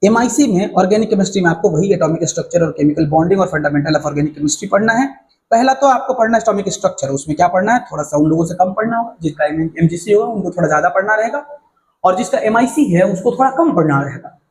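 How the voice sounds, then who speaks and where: Fast-talking high-voiced male teacher. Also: expressive, a little mellow, poor audio. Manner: fast-talking, keeps checking if students follow. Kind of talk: casual syllabus walkthrough lesson.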